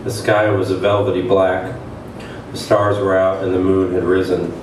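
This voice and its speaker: This is a low-pitched male reader in his thirties, performing satirical fiction dramatically at a literary event and keeping a level tone at normal speed. He stands on the stage of a small event room with an audience, speaking into a table microphone on a stand. The hall is very echoey and noisy, and the mic is distant.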